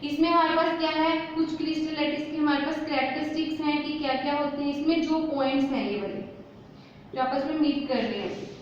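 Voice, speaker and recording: A woman's voice: high-pitched, steady tone, fairly quick, slight background noise. A woman teaching chemistry, who keeps asking rhetorical questions and answering them herself while mixing English terms into her explanation. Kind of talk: whiteboard lesson. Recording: echoey room, slightly dull.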